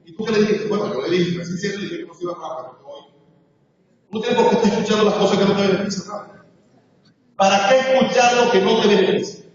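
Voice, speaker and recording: A man's voice: sits high, fast talker. A man in his forties giving an emotional personal testimony to a seminar audience, acting out the conversations he recalls. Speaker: seminar speaker. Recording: echoey hall, distant dull mic.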